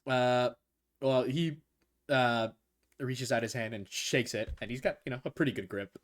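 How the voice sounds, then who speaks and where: A man's voice: medium pitch, a little slow. A young man running a tabletop game as game master, narrating loosely with fillers and chuckles.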